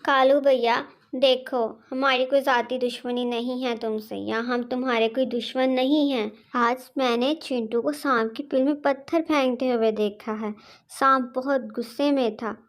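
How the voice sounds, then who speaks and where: Lady doing a sweet cartoon sparrow, high voice, earnest and gentle. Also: fairly even intonation, unhurried. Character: kind, caring female sparrow. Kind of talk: cartoon voice acting.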